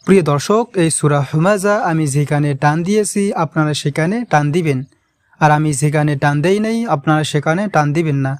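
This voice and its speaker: A man's voice: fairly high pitch, a little fast, dry recording. A man who teaches Quran recitation step by step, patiently repeating and drawing out each word. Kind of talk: step-by-step pronunciation lesson.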